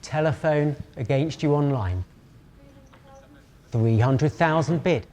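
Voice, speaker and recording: High-voiced British male fine art auctioneer. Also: lively intonation, a little mellow. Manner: measured repetition of bids, showman's poise. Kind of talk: live auction calling, formal fine art auctioneer patter.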